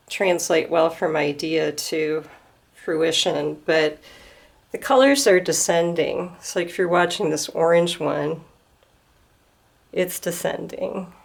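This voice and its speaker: A student talks a camera through her handmade display at home, taking her time and stopping to explain the finer points. She has a lowish voice, slightly hoarse as a cold sets in, and a soft, gentle delivery.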